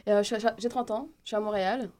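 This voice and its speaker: A woman in her thirties from the Paris region, with a Parisian French accent, is a guest on a casual interview as a hip-hop event organizer. She talks fast at medium pitch, relaxed but hesitant, with many fillers.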